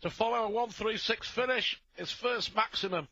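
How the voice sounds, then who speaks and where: A man's voice: sits high, normal speed, sharp tone, dry recording, highs cut off. A man giving live darts commentary, offering opinionated analysis between throws.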